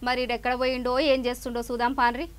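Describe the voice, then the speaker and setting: A woman's voice: fairly high pitch, completely flat delivery, very fast. A woman with a Telangana accent anchoring a comic news sketch, coaxing and consoling in a fussing way. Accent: Telangana Telugu. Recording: loud music playing behind.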